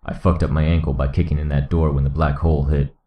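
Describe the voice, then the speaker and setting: Guy reading doing a big gruff dude w a disguised deep voice, super low rumbly growl, short clipped lines. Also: little pitch movement, fast talker, lo-fi sound. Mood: resolute. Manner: growling, curt. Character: gruff hulking young man with a disguised deep voice. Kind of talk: audiobook reading.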